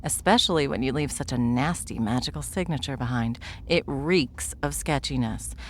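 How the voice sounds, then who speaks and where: In a fantasy audio roleplay, a woman with a bass voice plays a smug, world-weary veteran witch. Her delivery is dry, condescending and unhurried, with a little hiss or hum on the recording.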